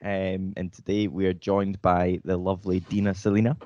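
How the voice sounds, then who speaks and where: A man hosts a casual podcast in an upbeat, loose way, joking around and swearing now and then. His voice is very deep. The sound is dry and a little dull, with a lo-fi podcast quality. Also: little pitch movement, normal speed, warm tone, no room sound. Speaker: podcast host.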